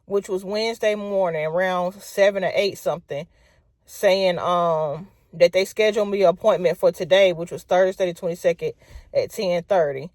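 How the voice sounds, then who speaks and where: A woman telling a casual storytime and venting in an animated, exclaiming way. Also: on the low side, normal speed, no echo.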